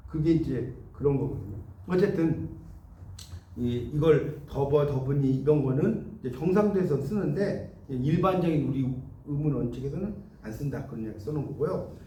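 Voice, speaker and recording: A man's voice: fairly high pitch, mellow. A middle-aged man giving a lecture on Korean spelling, explaining patiently and checking in with his students through questions. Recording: echoey room from a distance.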